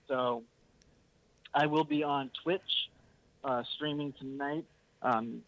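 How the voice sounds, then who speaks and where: A man's voice: medium pitch, fairly bright tone, dry recording, lo-fi sound. A young man hosting a podcast, ranting heatedly with swearing and emphatic bursts. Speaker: podcast host. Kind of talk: impassioned podcast rant.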